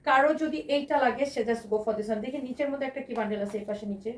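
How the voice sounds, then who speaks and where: A hoarse woman with a Bangladeshi Bengali accent runs a live clothing sale, talking fast in a high voice with eager, repetitive selling lines. She sits a little off the mic, with faint room noise behind her. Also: distant mic. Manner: enthusiastic, repetitive, mixes English phrases. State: hoarse from shouting. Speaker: live-sale fashion seller. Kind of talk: live shopping sales pitch.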